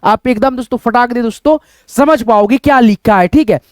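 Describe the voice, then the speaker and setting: A man's voice: extremely high pitch, a little fast, no room sound, clean studio sound. Man spelling words letter by letter. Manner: repeats "dosto" constantly, spells out words letter by letter. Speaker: English teacher. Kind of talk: spelling lesson to camera.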